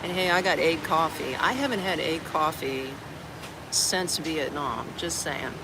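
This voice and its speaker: Streaming live from an outdoor garden café, this chatty expat vlogger from Orlando, Florida, rambles through a casual chat, peppering his talk with "like" and "man." His mid-range voice moves at a measured pace over a background of outdoor sounds and passing traffic.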